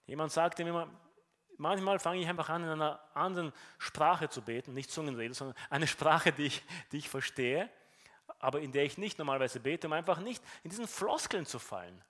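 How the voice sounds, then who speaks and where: A Romanian-accented man delivers a sermon, teaching earnestly and frequently repeating words when he restarts. His voice is a little high and a bit bright, and he speaks fairly quickly.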